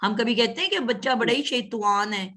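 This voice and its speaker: Give me a woman with a fairly high voice teaching an online grammar class, correcting pronunciation patiently. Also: lively intonation, pushed and bright. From Pakistan. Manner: patient, corrective, repeats sounds slowly.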